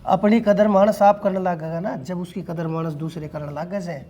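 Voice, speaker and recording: A man's voice: sits high, fairly even intonation, normal speed, warm tone. A man playing a worried old village father with a Haryanvi accent, fretful and exhorting, in a family drama. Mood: insistent pleading. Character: worried, pleading old village father urging his son. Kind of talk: web serial family drama acting.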